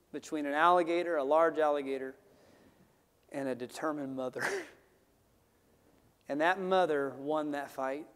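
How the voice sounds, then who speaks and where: Male pastor, high voice, sermon, call-and-response, long church reverb. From Florida. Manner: preaching with rising shouts and call-and-response. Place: church sanctuary.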